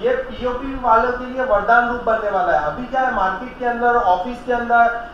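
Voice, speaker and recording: A man shows off a laser leveler in a small tool shop, talking viewers through every step in a casual demo. His voice sits high and bounces around the room. The sound is a little dull with a faint hiss behind it. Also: a bit bright. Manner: explains step by step, keeps telling viewers to look. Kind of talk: casual product demonstration. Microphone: handheld camera filmed by another person. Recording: echoey room, slightly dull, faint noise.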